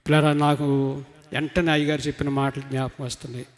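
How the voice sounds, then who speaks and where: A middle-aged man giving an emotional testimony to a church congregation, swinging between loud emphatic cries and soft low asides. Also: little pitch movement, quick pace. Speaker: testimony speaker at a church retreat. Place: church hall. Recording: long reverb of a large hall.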